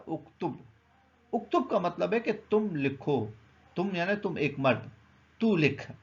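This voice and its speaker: A man's voice: fairly high pitch, vocal fry, muffled recording. A man teaching a beginner grammar lesson, patiently explaining, asking questions and then answering them himself.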